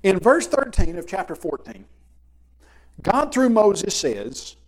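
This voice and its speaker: A man teaching a Bible lesson in a conversational way, slowing down to stress key words. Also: sits high, big pitch swings.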